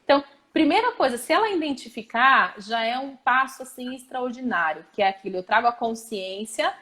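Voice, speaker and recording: A woman's voice: fairly high pitch, expressive, brisk, pushed and bright. A woman therapist with a Brazilian accent, talking in a casual panel conversation, emphatic and full of rhetorical questions. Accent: Brazilian Portuguese. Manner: emphatic, repeats key phrases, asks rhetorical questions. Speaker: therapist and host.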